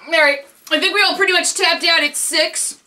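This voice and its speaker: A woman vlogging a food challenge with friends in casual chat, giggly and quick to exclaim. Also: very high voice, fairly even intonation, pushed and bright, recorded from a distance. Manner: giggly, exclaims often, mumbles with a full mouth.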